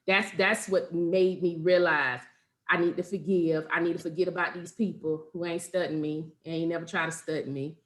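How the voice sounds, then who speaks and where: A woman's voice: fairly low pitch, steady tone, normal speed. A woman sharing a frank personal story on an online panel. She talks openly and plainly, voices the people in her story and laughs as she goes. She is heard over a video call. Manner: candid storytelling, acts out quotes, laughs often. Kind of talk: personal testimony on a webinar panel.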